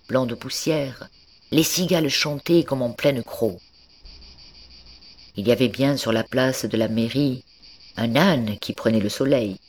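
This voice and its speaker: A woman reading a classic story aloud as an audiobook narrator, in a measured, descriptive way. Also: very deep voice, a little mellow. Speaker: audiobook reader. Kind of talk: scripted narration.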